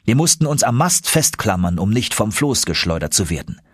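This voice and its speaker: A man narrates an audiobook with lively, expressive storytelling, his pitch moving a lot. His voice is somewhat husky, recorded close and dry with no room sound. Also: brisk, dry recording. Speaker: audiobook reader. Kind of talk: scripted narration.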